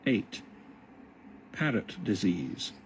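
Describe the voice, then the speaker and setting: Man reading a story with lively pitch. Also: drawn-out words, a little hiss or hum. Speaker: narrator. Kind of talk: audiobook narration.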